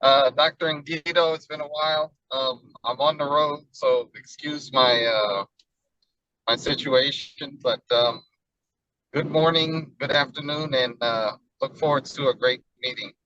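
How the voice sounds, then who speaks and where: A man's voice: mid-range voice, fairly even intonation, unhurried, pushed and bright. A man, the organization's vice president, giving a brief hesitant greeting while calling in from the road. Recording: dull, lo-fi phone audio.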